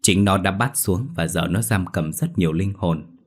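A man's voice: sits low, normal speed. A man voicing the tearful ghost of a drowned young man, speaking through a medium in a ghost story. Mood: sorrowful. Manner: tearful, pleading.

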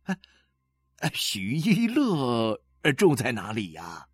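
A man's voice: medium pitch, wildly swooping pitch, takes it slowly, breathy edge, no echo, studio quality, heavily acted. A man voicing a distraught middle-aged father in an audiobook, tearful and exclaiming, with choked words and faint music behind. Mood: anxious. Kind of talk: audiobook character voice.

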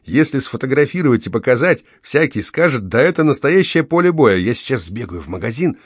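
A man voicing an excitable young male friend who gushes eagerly. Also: medium pitch, slightly rough, no room sound, studio quality, pitched above the performer's own voice. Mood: excited. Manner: excited, rushing.

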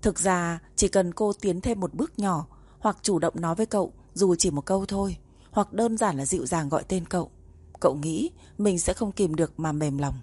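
A woman narrating a romance novel in a calm, even storytelling voice. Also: lowish voice, normal speed, slightly rough. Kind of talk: audiobook narration.

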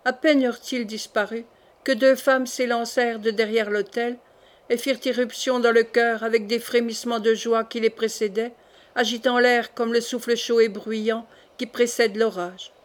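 A woman narrating a classic novel as an audiobook, in an even, measured storytelling voice. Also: fairly high pitch.

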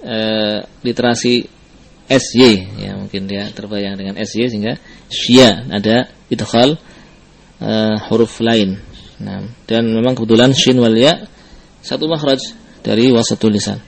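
Male recitation teacher, unhurried and patient, models each letter sound again and again for students to repeat. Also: lowish voice, steady tone, gravelly. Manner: mixes in Arabic terms. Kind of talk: tajwid lesson with drills.

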